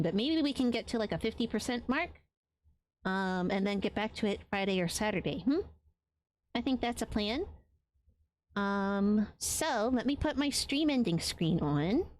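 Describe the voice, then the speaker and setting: A Latin American game streamer chats casually and warmly with her live viewers, her medium-pitched voice tired after a long stream. She says um frequently.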